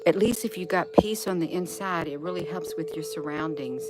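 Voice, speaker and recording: A woman's voice: low-pitched, normal speed, low-quality recording. A woman hosting a casual live stream outdoors, talking to viewers in a folksy way and repeating phrases for emphasis. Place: outdoors on a porch. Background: wind chimes and birdsong.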